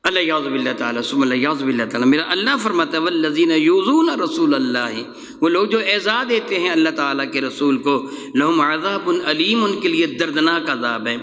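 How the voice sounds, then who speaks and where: A man teaching a religious lesson, preaching to listeners with rhetorical questions and slow recitation of scripture. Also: a little high, fairly bright tone. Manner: recites scripture slowly, ends with a prayer. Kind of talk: Quranic lesson. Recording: long hall reverb.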